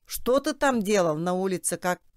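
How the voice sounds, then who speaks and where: A woman's voice: fairly low pitch, expressive, moderate pace, dry recording, studio quality, close to an everyday voice. A woman voicing a bossy man who presses with mocking questions. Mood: pushy. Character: bossy male interrogator, mocking, pushy.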